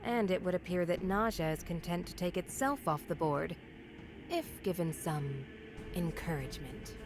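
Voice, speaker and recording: A woman's voice: fairly low pitch, animated. Cool, courtly female agent. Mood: composed report. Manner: formal, measured, courtly. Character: cool, deferential female agent serving a sovereign. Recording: game music behind the voice.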